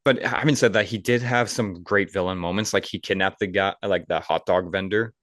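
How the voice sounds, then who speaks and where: Lower-voiced man chatting about movies. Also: steady tone, a little fast, a bit bright, dry recording, clean studio sound. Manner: enthusiastic, rambling, filler-heavy. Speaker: podcast co-host. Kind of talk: casual movie review chat. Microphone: podcast microphone.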